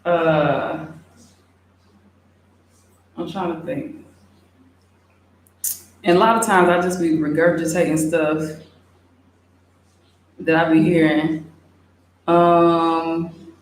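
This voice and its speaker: A young woman chatting casually, reading out and answering viewer questions in a relaxed way with many fillers. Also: lowish voice. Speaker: expat vlogger. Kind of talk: casual livestream Q&A. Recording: very echoey room, faint hiss.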